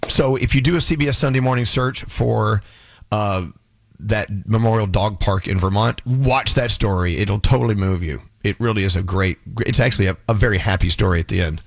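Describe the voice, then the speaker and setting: A man hosting a morning radio show in a studio, talking in a halting, emotional way with many restarts. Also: on the low side, creaky, no room sound. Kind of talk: casual morning radio chat. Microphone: studio microphone.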